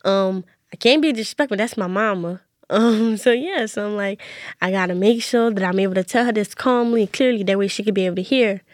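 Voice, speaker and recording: A young woman telling a personal story in casual conversation, often quoting herself in a hushed voice. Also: medium pitch, brisk, no room sound, clean studio sound. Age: young adult. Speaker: interview guest.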